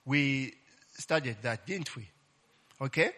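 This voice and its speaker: Speaking slowly at a medium pitch, a man with a sharp, expressive voice delivers a casual Bible-teaching sermon. He uses call-and-response, frequently adds "eh?" at the end of phrases, and exclaims "Glory be to God" and "Hallelujah."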